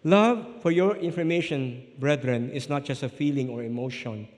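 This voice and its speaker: A man's voice: mid-range voice, a little slow, darkish tone. A middle-aged Filipino man preaching a sermon as a pastor, telling humorous stories and often checking with the congregation. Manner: humorous storytelling with frequent "no?" tags. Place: church sanctuary. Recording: echoey church hall.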